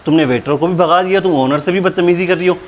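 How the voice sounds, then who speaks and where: A man playing a rude cafe owner in a hidden-camera prank, brash and mocking with rapid-fire teasing. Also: high-pitched, slight background noise.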